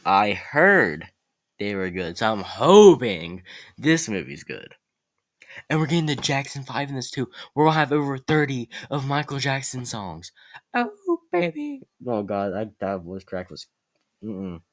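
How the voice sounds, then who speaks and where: A man vlogging about upcoming movies in a casual, excitable way, rambling and correcting himself as he goes. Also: medium pitch, measured pace.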